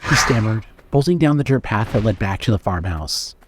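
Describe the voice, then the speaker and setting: A man narrating a horror story in a steady, suspenseful reading style. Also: lowish voice, normal speed, noisy background.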